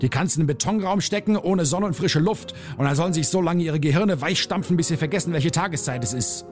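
A man voicing his own misanthropic, hot-tempered alter ego, ranting and sneering over soft piano music. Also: on the high side, fast, voice pushed up, close to an everyday voice. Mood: ranting scornful.

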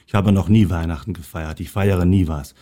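A man voicing a grumpy pike in a storybook reading, with a low, dark voice. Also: steady tone, normal speed, lightly acted.

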